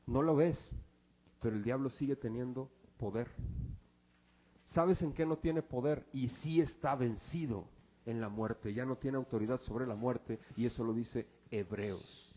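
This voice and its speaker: A male pastor, preaching a sermon full of rhetorical questions, swinging between loud and hushed. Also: mid-range voice, unhurried.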